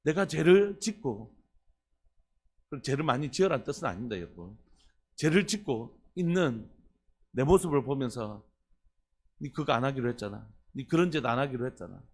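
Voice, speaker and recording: A pastor preaching an earnest early-morning sermon, putting questions to the congregation. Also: male voice, mid-range voice, animated, normal speed, long pauses.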